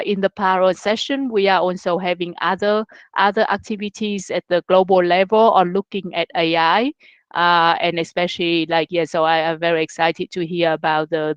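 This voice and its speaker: A panelist speaking haltingly with many fillers. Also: medium pitch, no echo. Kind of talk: casual panel talk.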